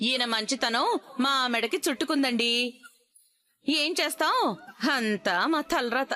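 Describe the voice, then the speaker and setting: A proud, scornful mother-in-law in a TV serial. Her high, bright voice sneers and scolds. She sounds middle-aged and sure of her place. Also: a little slow. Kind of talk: TV serial acting.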